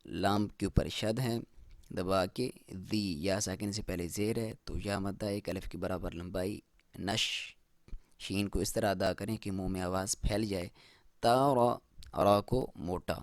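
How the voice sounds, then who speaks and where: A man teaching Quran recitation rules step by step. He explains each rule plainly, then recites the verse slowly in a raised voice. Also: low voice, steady tone, no echo. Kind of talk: step-by-step tajweed lesson.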